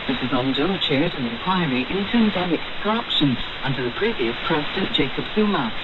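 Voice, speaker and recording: A woman reading a scripted news bulletin in a crisp, even, formal way, heard through an AM shortwave radio receiver. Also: deep voice. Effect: heard over an AM shortwave radio receiver. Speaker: newsreader. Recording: hissy, muffled shortwave radio reception.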